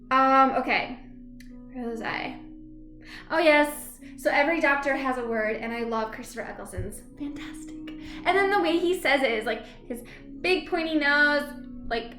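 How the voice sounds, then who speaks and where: A woman with a high, somewhat bright voice chats to camera in a casual, rambling way while reviewing a TV episode. She laughs easily and hums filler syllables as she collects her thoughts, and the sound is roomy.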